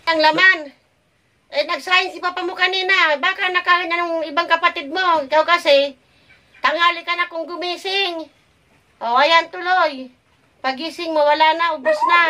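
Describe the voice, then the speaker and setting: A woman's voice: very high voice, steady tone, moderate pace, bright, forceful tone. A woman playing an overworked, exasperated village mother in a drama, kvetching and nagging in long repetitive complaints. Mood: scolding, nagging. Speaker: actor in an amateur short film. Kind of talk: naturalistic family drama acting.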